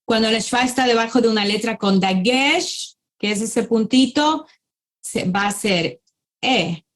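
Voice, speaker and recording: A woman teaching a conversational language lesson, explaining step by step and slowing down to sound out words. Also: mid-range voice. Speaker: Hebrew teacher.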